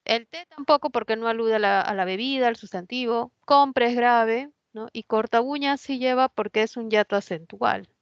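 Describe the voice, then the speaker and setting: A woman with a fairly high voice teaches a spelling lesson, explaining each rule step by step. She keeps checking that her students follow. The recording is dry and a little dull. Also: normal speed, few pauses, no room sound. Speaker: language teacher. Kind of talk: pre-university spelling lesson.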